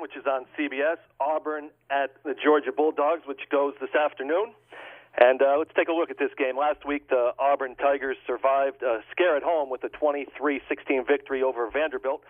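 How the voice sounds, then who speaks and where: A man as a guest handicapper giving a measured, prepared-sounding football pick analysis on radio, over a thin phone-like line. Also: medium pitch.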